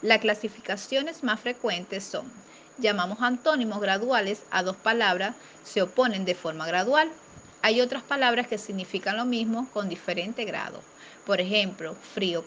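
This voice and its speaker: A woman teacher reading a grammar lesson aloud in a steady, careful way, slowing down for example words. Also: medium pitch, a little hiss or hum.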